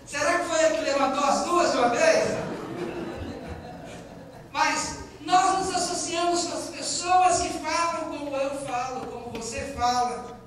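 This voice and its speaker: Delivering a sermon in a church sanctuary, a man with a Minas Gerais Brazilian accent talks in a conversational way and leans on the important lines. He has a very high-pitched, slightly bright voice, captured by a distant mic in a very echoey hall.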